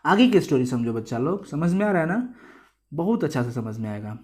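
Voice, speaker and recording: A man's voice: on the high side, sing-song, a little fast. A man with a Bihari Hindi accent, a teacher chattily explaining a chapter to students and mixing in English words. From India. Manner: chatty, mixes English words into Hindi, acts out quoted lines.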